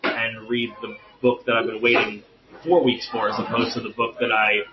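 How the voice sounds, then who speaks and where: A man talking informally about comic books as a podcast guest, halting a little and repeating his phrases. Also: medium pitch, flat delivery, highs cut off, heavy background noise.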